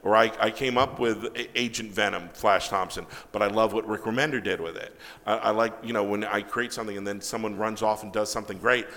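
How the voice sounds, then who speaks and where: A man, a comic book writer, telling casual anecdotes in an interview, animated, acting out quoted dialogue and swearing freely. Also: fairly low pitch, brisk, few pauses, long reverb tail.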